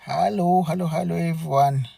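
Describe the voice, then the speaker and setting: A man hosting a live stream, speaking in an earnest, halting way and often repeating himself. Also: on the high side, fairly even intonation, gravelly, mellow, husky, dry recording. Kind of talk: unscripted live commentary.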